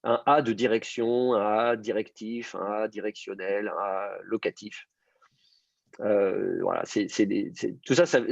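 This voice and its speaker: A man's voice: medium pitch, gravelly, a little mellow, slightly rough, no room sound, lo-fi sound. A man teaching an online class, explaining patiently with many fillers and restarts. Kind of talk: online class on biblical Hebrew.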